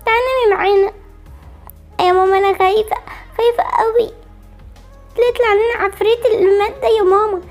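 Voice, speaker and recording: A woman's voice: very high voice, steady tone, fast, long pauses, faint music behind, voice pushed up. A woman voicing frightened little girls with an Egyptian accent, pleading and whiny in an amateur game movie. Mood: scared, pleading. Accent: Egyptian Arabic.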